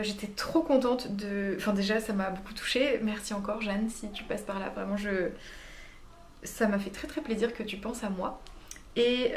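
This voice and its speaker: A woman chatting casually in her knitting vlog, talking easily with many fillers and self-corrections. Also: mid-range voice. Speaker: knitting vlogger. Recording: roomy echo, faint background hum.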